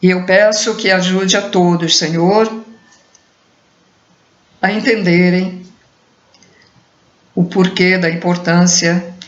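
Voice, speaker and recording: A woman's voice: lowish voice, steady tone. Musing woman, roomy lo-fi. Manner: unhurried, musing, often trails off with "né?". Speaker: spiritual teacher. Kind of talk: casual spiritual talk. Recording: roomy, dull lo-fi recording.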